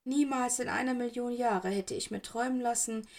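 A woman's voice: a little high, steady tone, moderate pace, voice pushed up, lightly acted. A woman voicing an older female teacher, stern but trembling with worry. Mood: shaky concern. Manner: trembling, pleading.

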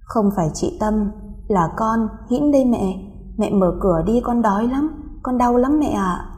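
A woman voicing the ghost of a dead child who speaks through a young woman, pleading in a slow, eerie half-whisper. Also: fairly high pitch, animated, darkish tone, husky.

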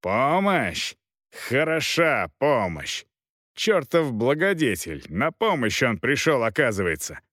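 Male reader doing a stubborn, cutting knight, lively pitch, dry close sound. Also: slow, dry recording, exaggerated voice. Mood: angry. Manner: cutting, accusing. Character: proud male knight, cold, haggling, quick to anger.

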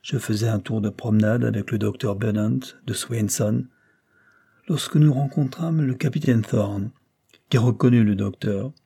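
A male narrator voicing a deliberate, guarded male country lawyer who asks pointed questions. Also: lowish voice, creaky, dark tone, breathy edge. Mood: probing. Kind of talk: audiobook character voice.

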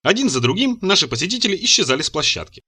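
Lively, bright-toned male storyteller. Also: sits high, very fast, breathy edge. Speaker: narrator. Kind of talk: audiobook narration.

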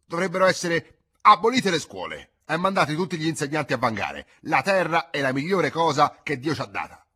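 A man reading an audiobook and voicing a gruff, domineering middle-aged innkeeper father who raises his voice to give orders. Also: on the high side, big pitch swings, fairly quick, voice pushed up, full character voice. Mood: bossy shouting. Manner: shouting, bossy.

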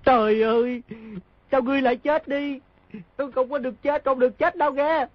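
A woman reading an audiobook, voicing a crafty boy who wails and sobs loudly in pretend grief. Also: sits high, fairly even intonation, a little fast, breathy edge, no room sound. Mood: wailing. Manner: wailing, sobbing loudly. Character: young boy fake-wailing over a body, crafty. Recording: dry, dull lo-fi audio.

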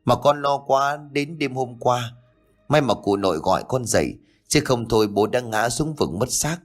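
A man's voice: medium pitch, lively intonation, normal speed, soft background music, close to an everyday voice. A man voicing a timid, easily frightened young son who stammers out his fears in an audiobook ghost story. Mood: anxious. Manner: stammering and fearful.

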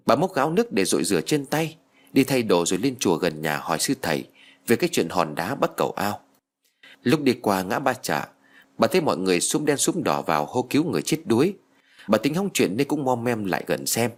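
A man reads a village story aloud as an audiobook. His voice sits on the low side and rises and falls with lively expression. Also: brisk.

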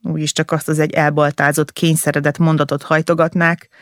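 A man reading a first-person novel aloud as an audiobook narrator, with an intense, emotional delivery in short, halting phrases. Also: a little high, level tone, no echo, studio quality.

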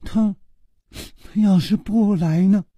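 A man's voice: sits high, fairly even intonation, slow, warm tone, husky, dry recording, pitched above the performer's own voice, full character voice. A man voicing a sly, coquettish young woman with coy, teasing lines in a storytelling radio reading.

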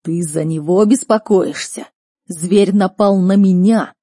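A woman voicing a stern, angry duke who is the hero's father, shouting and commanding. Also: fairly low pitch, moderate pace, breathy edge, no room sound, clean studio sound. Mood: indignant. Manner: loud, commanding, outraged.

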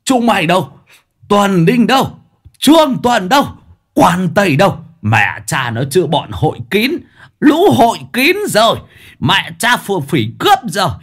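A man's voice: low-pitched, big pitch swings, measured pace, pauses often, husky, exaggerated voice. Brief: man playing a lazy, greedy fat village chief, coarse curser, storybook tale. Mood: panicked yelling. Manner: grumbling and coarse, cursing.

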